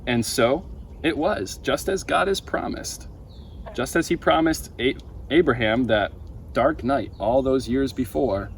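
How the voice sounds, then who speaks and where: A young adult man with a mid-range voice reads a children's Bible story aloud for camp story time, deliberate and expressive with emphatic pauses. He's outdoors on a wooden deck by a pond, recorded by a camera a few feet away with outdoor ambient noise.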